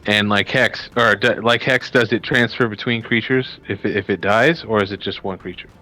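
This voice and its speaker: A man with a bright, forceful voice chats as a player in a tabletop game. He is crude and jokey, with music behind him. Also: lowish voice, fairly even intonation, normal speed, low-quality recording. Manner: crude, joking, swearing. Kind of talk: casual game banter.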